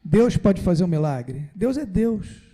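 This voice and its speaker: A man's voice: sits high, very animated, measured pace, dark tone. A man, a parish priest, giving a conversational Sunday homily and acting out pleas to Jesus. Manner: conversational, acts out dialogue with Jesus. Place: church.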